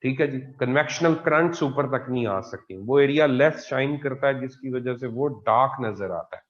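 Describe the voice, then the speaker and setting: A man's voice: medium pitch, normal speed, dull audio. A man teaching an online science class. He explains patiently and repeats key points. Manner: patient, repetitive explaining with frequent "theek hai ji".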